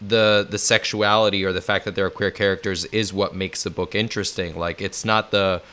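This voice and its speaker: Deep, bright-toned male co-host. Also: level tone, a little fast, clear, resonant tone. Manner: easygoing, chatty, frequent "like" and "you know". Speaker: podcast co-host and audiobook narrator. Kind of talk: casual conversational interview.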